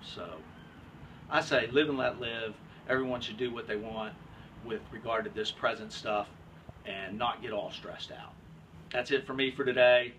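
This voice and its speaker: A man's voice: mid-range voice, fairly even intonation, normal speed, background noise. Guy ranting on his vlog, blunt and sweary, sounds a bit far from the mic. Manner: blunt, profane and grumbling. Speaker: vlogger. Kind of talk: casual vlog rant.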